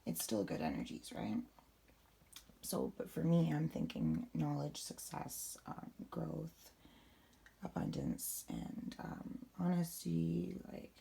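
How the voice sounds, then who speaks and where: A young woman speaks quietly and low in a casual vlog, her raspy voice heavily gravelly and husky. Her tone is mellow, yet her pitch moves in a lively way as she rambles along with plenty of fillers. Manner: talking low and quiet late at night. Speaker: vlogger. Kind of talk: casual spiritual how-to vlog.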